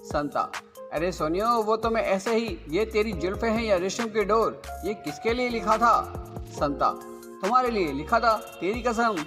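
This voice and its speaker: A man's voice: high-pitched, expressive, normal speed. A man reading short jokes aloud in plain storytelling, closing with a request to like and subscribe. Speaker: joke reader and channel host. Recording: long reverb over loud background music.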